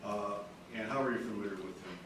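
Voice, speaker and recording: A man questioning a witness as a prosecutor in court, pressing her and repeating her answers back, with "uh" pauses between questions. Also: fairly low pitch, a bit bright. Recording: echoey courtroom audio from far off, noisy.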